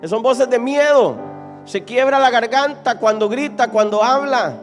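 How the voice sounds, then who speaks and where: A man preaching a sermon as pastor to a live congregation, animated and dramatic, questioning the listeners directly and acting out scenes from the text. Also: very high-pitched, unhurried. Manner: animated, dramatic preaching, acts out Bible quotes. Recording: reverberant church hall with keyboard music.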